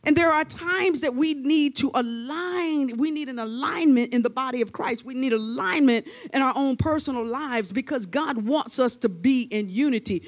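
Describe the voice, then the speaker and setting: A woman preaching a sermon to a church congregation, leading them in call-and-response chants and using hands-on examples. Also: high voice. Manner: demonstrative, uses hands-on examples.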